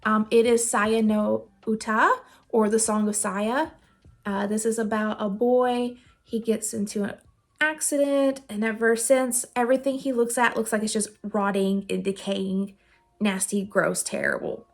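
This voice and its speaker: A woman hosts a casual vlog recommending games, her voice a little high with a level tone and a measured pace. She talks in an informal, rambling, self-deprecating way, giggly and laughing often as she goes. Music plays under her voice.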